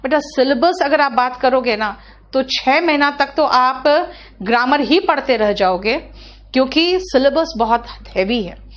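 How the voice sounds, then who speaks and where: A woman teaching English grammar in a live online class, correcting students briskly and calling them by name. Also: high-pitched, animated, highs cut off. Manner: brisk, scolding, addresses students as beta.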